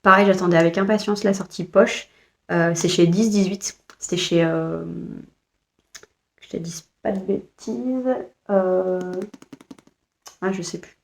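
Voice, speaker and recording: In a relaxed book haul chat, a French woman who vlogs about books talks through her purchases with hesitation, frequent fillers and restarts. She speaks at a fairly low pitch, unhurried, pausing often.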